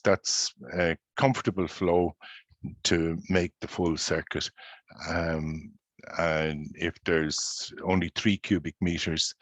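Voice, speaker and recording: Deep-voiced man explaining river tides. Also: dry recording. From Ireland. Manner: measured, explanatory, with frequent fillers. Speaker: presenter, paddler. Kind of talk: informal presentation with slides.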